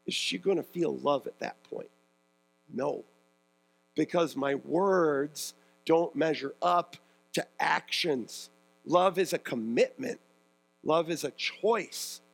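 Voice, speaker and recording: A man with a notably high-pitched voice preaches a sermon to his congregation. He keeps it conversational, often dropping into the voices of the people he describes. He talks as a husband and a parent. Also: takes it slowly, creaky, poor audio. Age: adult married parent. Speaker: pastor.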